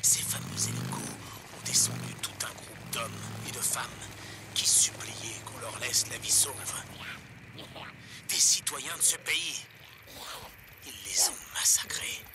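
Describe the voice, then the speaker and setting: A man's voice: mid-range voice, takes it slowly, in a whisper. An actor playing a paranoid man who rants crudely and conspiratorially over a pirate radio broadcast. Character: paranoid male survivalist radio ranter. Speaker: radio host.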